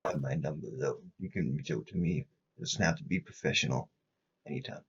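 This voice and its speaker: A calm, supportive male boss, acted by a man in a tabletop game, reassures in measured phrases. The voice is deep and full of fry, with slightly dull sound. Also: exaggerated voice. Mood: calm, consoling.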